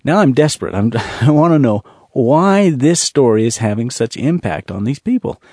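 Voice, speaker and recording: A man telling a testimony from his mission travels, earnest and repetitive, slowing down to stress key words. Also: medium pitch, big pitch swings, a little mellow, no room sound, clean studio sound. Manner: earnest, repetitive storytelling with slow emphasis. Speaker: ministry speaker telling a mission story. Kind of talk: storytelling testimony.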